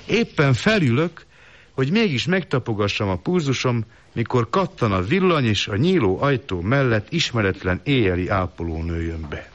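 A man reading a first-person literary story in a measured, calm, reflective way, on a dull lo-fi recording. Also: medium pitch. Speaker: narrator.

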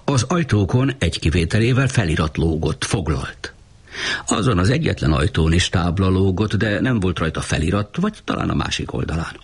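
A man reading a novel aloud as an audiobook narrator, with a measured, rhythmic delivery. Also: low voice, animated, slightly rough.

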